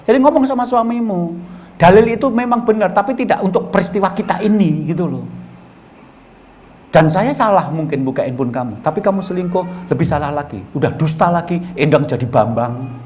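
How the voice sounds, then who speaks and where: A man's voice: high voice, expressive, brisk, a little mellow, a little hiss or hum. A middle-aged man giving a colloquial storytelling sermon as a preacher, acting out both sides of the dialogues he recounts.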